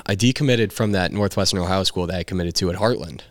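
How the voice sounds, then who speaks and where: Deep-voiced young man telling a story. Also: fast, no room sound, studio quality. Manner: animated, swears freely, acts out quoted voices. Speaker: guest, baseball player. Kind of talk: casual storytelling chat.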